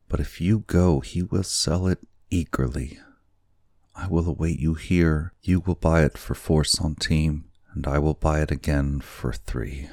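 A man's voice: a little mellow, dry recording, studio quality, heavily acted. A man reading an audiobook, voicing a frightened, desperate young wife in a trembling, raised voice. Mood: pleading. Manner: pleading, trembling, raised pitch.

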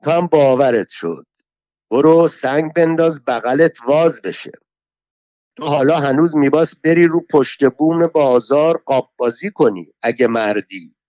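A man voicing a foul-mouthed, quarrelsome old pilgrim woman who shouts abuse in a theatrical way. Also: on the high side, no room sound, pitched above the performer's own voice, close to an everyday voice. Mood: scolding. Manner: shouting insults, abusive, theatrical. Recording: dull lo-fi dry recording.

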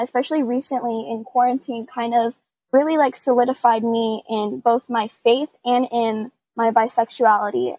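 Woman, american, fairly high voice, dry close mic, candid and searching. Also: no echo, poor audio. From United States. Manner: candid, searching, frequent "like" and "you know". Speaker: panel guest. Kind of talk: personal story in a podcast panel.

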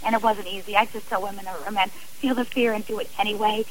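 She is a middle-aged woman talking fast in a medium-pitched voice with fairly even intonation, a radio interview guest giving a heartfelt personal account. Her sentences often get restarted, and the recording is rough.

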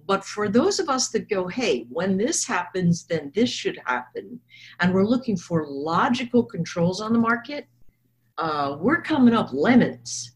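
A woman with a hoarse, froggy smoker's rasp gives conversational market commentary, rambling and thinking aloud as she goes. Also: medium pitch, poor audio. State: hoarse from coughing. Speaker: trader and technical analyst guest.

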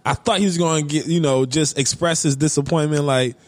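A young man with a fairly high-pitched voice co-hosts a casual podcast chat. He talks in an animated way, laughs a lot and acts out quotes he repeats. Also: a little fast. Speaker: podcast co-host.

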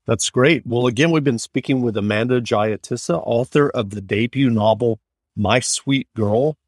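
Male interview host, smooth scripted delivery, dry close sound. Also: medium pitch, moderate pace, dry recording. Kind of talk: radio-style interview hosting.

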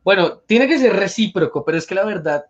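A man's voice: sits high, lively intonation, brisk. Playful Colombian man, dull lo-fi sound. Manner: playful, teasing, full of hesitant fillers. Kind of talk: casual chat.

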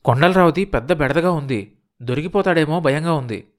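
A man voicing an anxious, scheming male go-between who talks in a hurried, pressing way. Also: fairly high pitch, close to an everyday voice. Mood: urgent.

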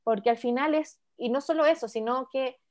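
Woman, high voice, dog trainer, thinking aloud in discussion. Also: brisk, darkish tone. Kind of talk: podcast discussion.

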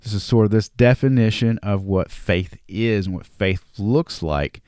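Male host, Southern drawl, lowish voice, dry close sound, casual scripture talk. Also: unhurried, a little mellow, clear, resonant tone, dry recording. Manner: conversational, reads scripture aloud with restarts. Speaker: podcast host. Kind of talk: casual Bible study talk.

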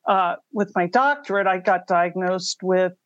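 A woman's voice: fairly low pitch, unhurried, dry recording, dull audio. An older woman telling her story conversationally as a podcast interview guest. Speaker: podcast guest, mystery writer.

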